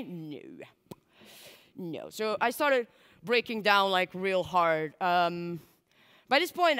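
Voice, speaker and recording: This native Portuguese speaker in her twenties has a fairly low, smooth, slightly bright voice. Through a headset mic on a large dark stage with an audience, she delivers a candid, chatty conference talk stuffed with likes and asides, and the hall reverb trails long.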